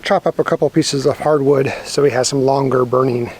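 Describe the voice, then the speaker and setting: A man's voice: medium pitch, steady tone, brisk, darkish tone. A man talking casually in a vlog, explaining practical things step by step in a plain-spoken way. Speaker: RV living vlogger. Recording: clearly noisy background, ambient sound.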